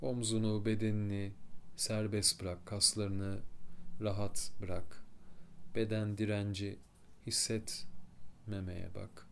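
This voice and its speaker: A man leading a guided full-moon meditation, giving slow, soft-spoken breathing and relaxation instructions with long pauses. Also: lowish voice, level tone, vocal fry, slight background noise.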